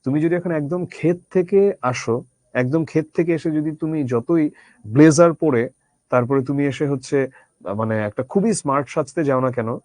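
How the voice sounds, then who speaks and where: A man's voice: a little high, moderate pace, a little mellow, dry recording. A man teaching a literature lesson conversationally, asking his students rhetorical questions. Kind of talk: Bangla literature lecture.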